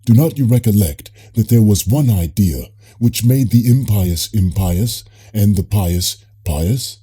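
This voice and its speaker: In an audiobook dialogue, a man voices a Greek philosopher with a deep, very dark, husky-edged tone. His questioning is measured and politely ironic, expressive, patient and probing.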